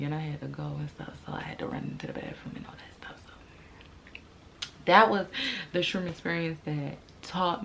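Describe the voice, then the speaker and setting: Young American female vlogger, low register, candid slangy storytelling, some noise in the recording. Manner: informal, slangy, candid and emphatic, drawing out and repeating words. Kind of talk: casual personal storytelling.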